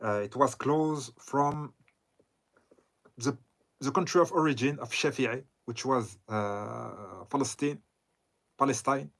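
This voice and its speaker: A man from southern Lebanon giving a lecture on a text, talking in a halting way with frequent pauses and self-corrections. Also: mid-range voice, gravelly, fairly bright tone. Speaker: Islamic scholar lecturing. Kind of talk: lecture commenting on a read text.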